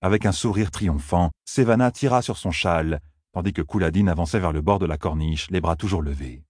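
A man narrating an audiobook in a steady, even reading manner. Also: low-pitched, a little fast, husky, dry recording, clean studio sound.

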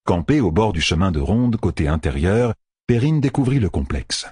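A man narrating an audiobook in an expressive storytelling manner. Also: sits low, moderate pace, husky, no room sound, clean studio sound. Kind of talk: scripted narration.

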